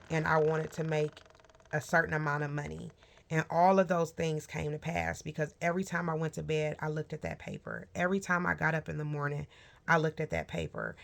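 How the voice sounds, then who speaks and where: A woman in her forties with a deep, gravelly voice talks casually to the camera as a small business owner. She is frank and encouraging, speaking straight to the viewer and often checking in with "okay?" and "right?". The recording is rough, with slight background noise.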